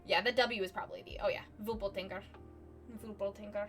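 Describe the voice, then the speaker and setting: A woman's voice: medium pitch, fairly even intonation, very fast, a bit bright, faint music behind. A woman streamer chatting casually at home on her couch, rambling and poking fun at herself. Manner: rambling and self-deprecating, with frequent "like" fillers. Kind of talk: casual chat while drawing on a live stream.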